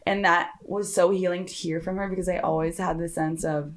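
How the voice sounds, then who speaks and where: A woman's voice: on the low side, fairly even intonation, fairly quick, slight background noise. Giggly young woman chatting casually. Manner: giggly, rambling, lots of "like". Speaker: podcast host. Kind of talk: casual chat.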